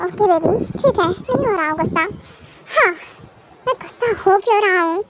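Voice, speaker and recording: A doting young husband soothes and humors his wife in a soft, indulgent way, voiced by a woman. The voice stays very high. There is background noise from an amateur fan audio drama recording. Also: expressive, moderate pace. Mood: soothing.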